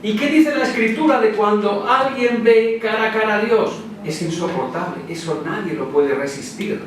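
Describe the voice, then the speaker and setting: A man's voice: sits high, a little hiss or hum. A man with a Spanish accent preaching a sermon in a church hall, telling the story in a casual, conversational way and acting out the quotes. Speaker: pastor. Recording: very echoey hall, preacher far from mic.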